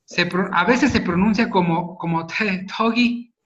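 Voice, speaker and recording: Bright-voiced male teacher on a video call. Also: high-pitched, moderate pace. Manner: explanatory, checks with "¿sí?" and "¿no?". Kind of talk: videoconference lesson on phonetics. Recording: slightly dull video call audio, faint noise.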